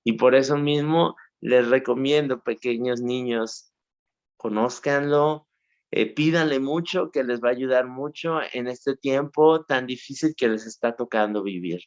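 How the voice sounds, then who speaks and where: A man tells a story to children at an unhurried pace, earnest and full of small pauses. His voice is mid-pitched and the recording sounds a little dull. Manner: earnest, unhurried telling with frequent filler pauses. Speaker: interview guest telling a saint's story.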